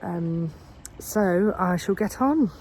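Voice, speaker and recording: On her allotment, a woman in her thirties who has a cold plans gardening tasks in a casual vlog chat, stumbling through ums and restarts. She speaks slowly and expressively in a lowish, darkish voice, and the audio is poor with slight background noise.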